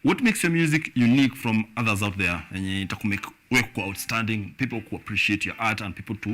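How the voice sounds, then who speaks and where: A man's voice: fairly low pitch, quick pace, fairly bright tone, a little hiss or hum. A man with a Kenyan accent hosting a casual interview, switching between English and Swahili slang. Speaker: interview host.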